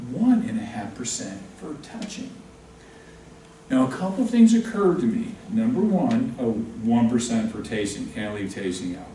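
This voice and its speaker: A male instructor lectures a real estate class with lively, swinging intonation and plenty of jokes. He is recorded from across a very echoey classroom, with faint room noise underneath. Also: medium pitch. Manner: animated, joking, quizzes the class. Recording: very echoey room, distant mic.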